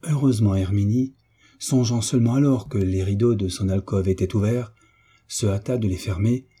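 A man narrating a classic novel as an audiobook, measured and literary. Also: fairly low pitch, warm tone, husky. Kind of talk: audiobook reading.

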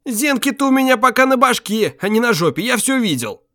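A man voicing a suspicious male police officer with a low voice, blunt and gruff. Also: very animated, fairly quick, a bit bright, no echo, clean studio sound, heavily acted.

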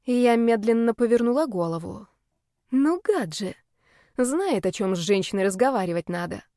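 A woman narrating a first-person audiobook in a lively, expressive way, turning indignant and playful when she speaks as the heroine. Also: on the high side, normal speed, dry recording, clean studio sound.

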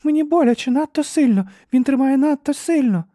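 A man voicing a small, nervous female cat in high, squeaky cries. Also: lively intonation, a little fast, warm tone, no echo, studio quality. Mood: pained.

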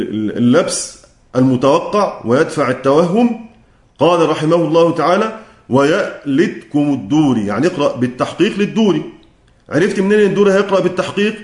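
A man with an Egyptian accent gives a classroom lecture in a somewhat high voice. He draws out verse lines in a slow chant and turns to quiz his listeners. The recording is echoey and roomy. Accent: Egyptian Arabic. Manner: chants verse lines slowly, quizzes the students. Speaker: lecturer on Quran recitation.

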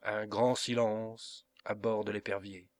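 A man narrating a classic adventure novel as an audiobook reader, in an expressive, dramatic storytelling manner. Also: fairly low pitch, slow pace, no room sound.

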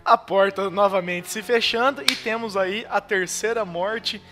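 A man's voice: sits high, a little slow, over music. A man with a Brazilian Portuguese accent, hosting a podcast and casually recapping a horror film, rambling with lots of fillers and chuckles. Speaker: podcast host.

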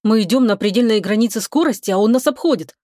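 A woman's voice: on the high side, fast, mellow, dry recording, clean studio sound, lightly acted. Woman reading a terse stern starship captain. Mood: tense. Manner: clipped, strict commands.

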